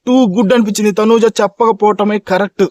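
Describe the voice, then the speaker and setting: A man reviewing a reality show in a fast, opinionated monologue, emphatic and talking straight to the fans, repeating his points. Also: high voice, fairly even intonation, darkish tone, dry recording. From India.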